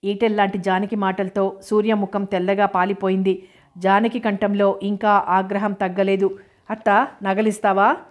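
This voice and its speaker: A woman narrating a novel in an even, measured audiobook reading. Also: medium pitch.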